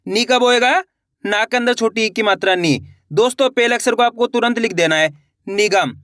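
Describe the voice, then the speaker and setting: A man's voice: sits high, moderate pace, a bit bright, dry recording, clean studio sound. A man teaching beginners to write words step by step, repeating each word and asking the viewer questions. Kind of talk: slow spelling lesson for beginners.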